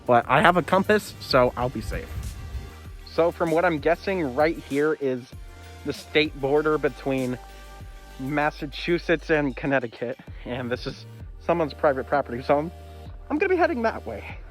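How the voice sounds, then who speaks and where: A man's voice: on the high side, lively intonation, moderate pace, soft background music. A young man talking to his camera on a woodland hike, chatty and rambling, out of breath as he climbs. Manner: chatty, self-narrating and a bit rambling. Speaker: vlogger. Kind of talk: hiking vlog to camera. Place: wooded trail outdoors, windy.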